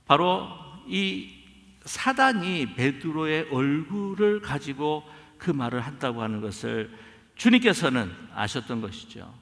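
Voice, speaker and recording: A male pastor delivering an emphatic sermon, his pitch high and swinging widely through each phrase. His voice is bright with a gravelly edge. It rings through a church hall with a long reverb. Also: expressive, measured pace. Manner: emphatic preaching, acts out quoted dialogue. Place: church sanctuary.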